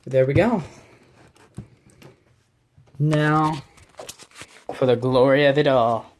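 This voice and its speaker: A chatty vlogger talks through a desk setup in a casual, rambling way, often trailing off mid-sentence. The voice sits at a middle pitch. It is recorded on a phone in a small room with a faint hiss behind it. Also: steady tone, slow. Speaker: channel host. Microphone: phone camera.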